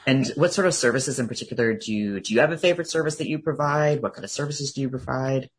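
A Canadian man co-hosts a podcast in a conversational interviewing style. His voice is medium in pitch and noticeably husky, and he moves through his questions very quickly. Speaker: podcast co-host.

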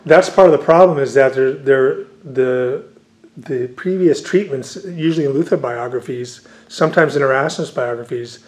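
At a moderate pace and medium pitch, a visiting scholar and author who grew up speaking Dutch answers interview questions at length. His replies are dotted with many fillers and restarts.

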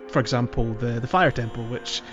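Brisk and mid-range in voice, this podcast host casually talks through a video game, thinking aloud in a hesitant, wandering way. The audio is slightly dull, with background music running underneath.

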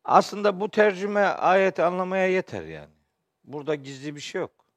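A man giving a religious lecture as a teacher, his voice hoarse and strained, phrasing deliberately with pauses. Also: sits high, lively intonation, no echo. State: hoarse from shouting the day before, clearing his throat often. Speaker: Quran teacher and preacher. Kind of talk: spoken religious lecture with verse commentary.

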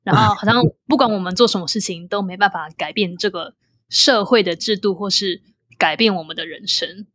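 A woman's voice: medium pitch, fairly quick, a bit bright, dry recording. Young Taiwanese-accented woman, close dry sound. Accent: Taiwanese Mandarin. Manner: occasional English words mixed into Mandarin. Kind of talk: casual reflective conversation.

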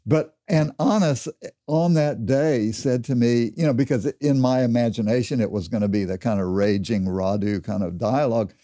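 A man's voice: medium pitch, moderate pace, warm tone, dry recording, studio quality. A man on a discussion panel, a filmmaker, who speaks thoughtfully and reflects on his work. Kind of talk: casual chat.

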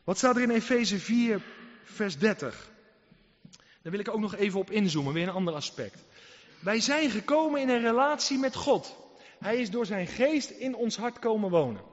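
A man preaching with a high-pitched voice and an emphatic, earnest delivery, moving from loud exhortation to quiet asides. His voice carries a long reverb, as if filling a large hall. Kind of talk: sermon. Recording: muffled sound in a reverberant hall.

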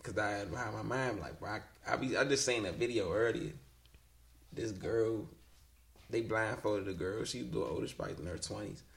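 A man's voice: on the low side, moderate pace, creaky. A man around thirty chatting casually and bluntly as a podcast guest, in slangy, profane, bro-like talk. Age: about 30.

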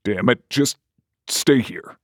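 A man voicing a gruff small-town sheriff who barks urgent orders. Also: medium pitch, slow, no room sound, clean studio sound. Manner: barking, urgent.

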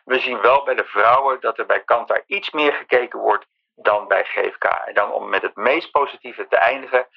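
Gravelly man speaking on a voicemail. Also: medium pitch, normal speed. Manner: briefing, explains point by point. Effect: speaking on a voicemail, heard played back. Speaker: industry director. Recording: dull lo-fi phone voicemail.

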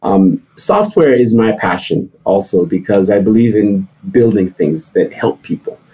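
A middle-aged man from Nigeria talks as an interview guest. His voice is mellow and a little husky, and his storytelling climbs high whenever he stresses a point. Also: unhurried, poor audio. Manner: animated storytelling, rising high for emphasis. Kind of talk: interview answers.

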